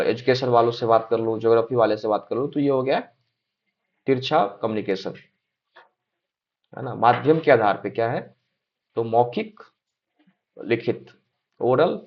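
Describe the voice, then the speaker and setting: A young man giving an exam-prep lecture, reading points aloud and checking in often with his listeners, with some hesitant fillers. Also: medium pitch. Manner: repeats check-in tags like "है ना?" and "ठीक है?". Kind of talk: explanatory lecture. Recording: slightly dull lo-fi sound.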